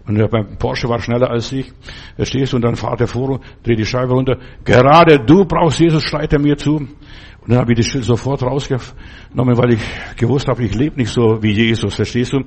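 A man's voice: medium pitch, fairly even intonation, fairly quick, darkish tone, breathy edge. A man preaching a sermon, speaking emphatically and addressing the listener directly with repeated questions.

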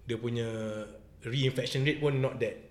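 A man with a Singaporean accent chatting casually, mixing Malay and English with lah particles, in a halting, repetitive way. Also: medium pitch, fairly even intonation. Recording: roomy, echoey sound.

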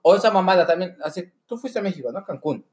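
Mexican guy on a podcast, high lively voice, swears a lot, jokes around. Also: quick pace. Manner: profane, joking, animated. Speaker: podcast co-host. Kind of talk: casual chat.

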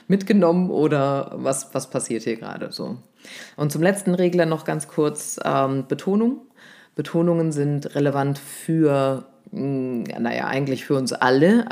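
A voice coach explaining speaking technique in a casual conversation, lively and explanatory, often checking in with "ne?". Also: mid-range voice. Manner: explanatory, lively, demonstrates stresses with exaggerated emphasis; uses fillers like "ne?" and "ja?".

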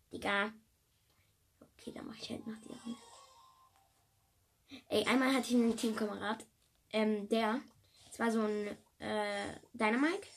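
A woman giving casual, chatty let's-play commentary to her viewers, excitable and joking, sometimes dropping to a whisper. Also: fairly high pitch, vocal fry, breathy edge. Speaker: gaming video creator.

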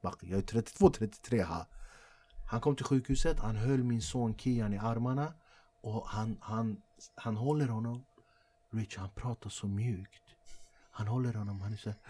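A comedian and host in his forties, with a voice on the low side, tells stories during a casual chat. He's animated and slangy and laughs frequently.

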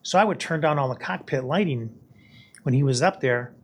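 An older man, a guest on a podcast, recounting his time as a hurricane hunter pilot in a casual, halting way, often repeating words. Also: medium pitch. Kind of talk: casual storytelling.

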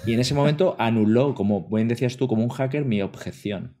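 A man's voice: mid-range voice, a little fast, warm tone. A man, co-hosting a casual chat in a wry, self-mocking way. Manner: wry, self-mocking, addresses the others directly. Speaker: podcast co-host. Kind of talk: casual conversation.

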